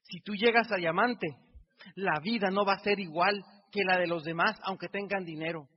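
High-voiced man speaking in a hall. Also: fairly even intonation, moderate pace. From Mexico. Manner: emotional, repetitive, builds with repeated phrases. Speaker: motivational speaker. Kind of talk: motivational stage speech. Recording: dull sound in a reverberant hall.

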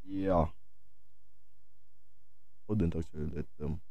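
A man's voice: low voice, fairly even intonation, slow, creaky, mellow, dry recording. A young man chatting casually as a guest, laid-back and hesitant, using street slang. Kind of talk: casual chat.

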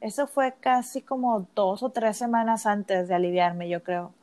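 Speaking a little slowly, a woman shares a personal story as co-host of a podcast, chatting casually and using lots of fillers. She lives in California, and her medium-pitched voice is steady in tone and a little mellow.

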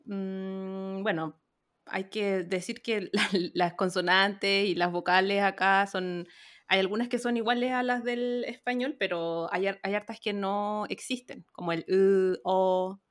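A woman leads a casual panel conversation. Her delivery is relaxed and she slips laughter into her sentences, with a pitch in the middle range for a woman. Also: measured pace. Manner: relaxed, laughs often while talking. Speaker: host.

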